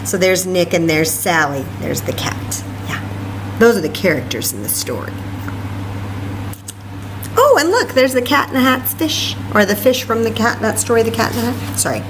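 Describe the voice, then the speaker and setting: Against a noisy background, a medium-pitched, expressive woman speaks at a moderate pace during a children's story time. Her sing-song session mixes singing, reading aloud and chatter, and she talks straight to the young kids with plenty of encouraging asides.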